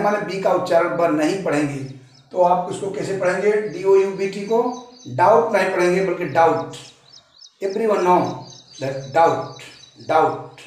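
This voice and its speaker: A man with a Hindi accent teaching an English pronunciation lesson, repeating each point, calling viewers his friends and spelling letters out slowly. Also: sits high, far from the mic. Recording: very echoey room, voice from off-mic.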